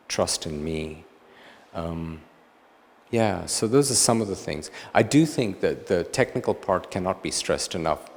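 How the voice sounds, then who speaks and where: A middle-aged man from Tanzania, a photographer answering audience questions after a lecture, speaking in a reflective, unhurried way with frequent ums and restarts. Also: sits low. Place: lecture hall. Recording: reverberant lecture hall.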